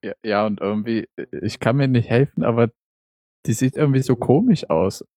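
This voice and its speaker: A man's voice: medium pitch, moderate pace, warm tone, no echo, clean studio sound. A man with a scratchy, grating voice, chatting casually as a podcast co-host. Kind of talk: casual chat.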